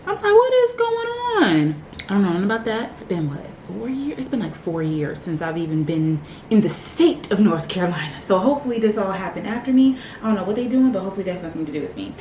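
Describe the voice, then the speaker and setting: A woman's voice: medium pitch, lively intonation, quick pace, hardly any pauses, dark tone, reverberant, a little hiss or hum. A young woman in her twenties chatting casually to camera for her vlog, leaning on lots of "like" fillers. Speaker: vlogger. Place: home.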